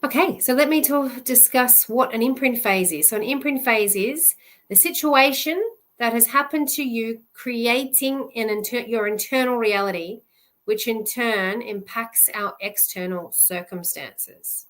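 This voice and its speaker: Woman, love coach, earnest, halting delivery, restarts sentences, live teaching session. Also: fairly high pitch, a bit bright.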